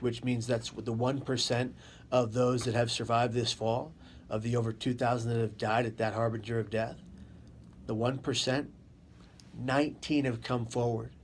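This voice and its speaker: A man telling his own story as an interview guest, in deliberate, dramatic short phrases that he repeats for emphasis. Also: mid-range voice. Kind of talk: personal testimony in an interview. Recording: faint background noise.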